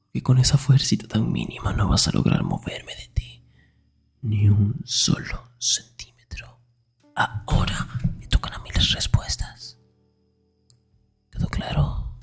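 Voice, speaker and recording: A possessive, dominant young best friend murmurs slow, teasing commands in a whispered role-play, played by a man. The voice is low, breathy and gravelly, and its pitch swings widely from line to line. Faint music plays behind him. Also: big pitch swings, full character voice. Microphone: close-up ASMR microphone.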